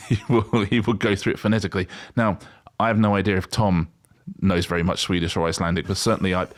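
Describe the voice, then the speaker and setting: A man's voice: low-pitched, level tone, fast. A middle-aged man co-hosting a podcast, chatting casually and wryly, rambling with frequent restarts. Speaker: podcast co-host. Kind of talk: casual chat.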